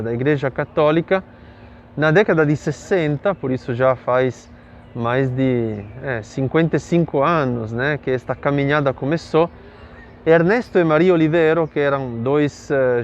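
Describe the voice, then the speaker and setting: A middle-aged Italian man with an Italian accent speaks in a fairly high voice, unhurried and reflective. He is a priest who fills his talk with small pauses and tag questions. The sound is a little muffled, with faint city traffic behind him. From Italy. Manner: thoughtful, with fillers and tag questions. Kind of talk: interview answer, telling his story.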